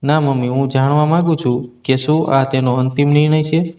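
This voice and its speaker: A man's voice: mid-range voice, fairly even intonation, brisk, a little mellow, lightly acted. A man voicing an earnest young husband in a spoken story, talking in a pleading way. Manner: pleading, then hurt. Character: earnest young husband trying to make peace.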